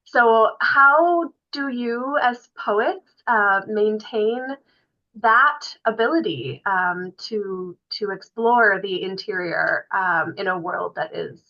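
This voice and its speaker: A woman's voice: mid-range voice, slow, lo-fi sound. A woman moderating a poetry panel, asking long, searching questions full of fillers. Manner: thoughtful, searching, many fillers.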